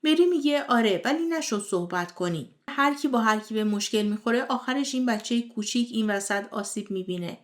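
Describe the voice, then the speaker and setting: Higher-pitched woman narrating a drama recap. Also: few pauses. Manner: steady storytelling voice, relaying characters' lines as reported speech. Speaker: series recap host. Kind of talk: scripted narration retelling a TV series.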